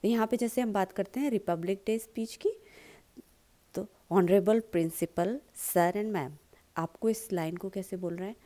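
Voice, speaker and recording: A woman with an Indian accent, explaining in a tutorial lesson and slowly stressing sample lines. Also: medium pitch, mellow. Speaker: public speaking teacher.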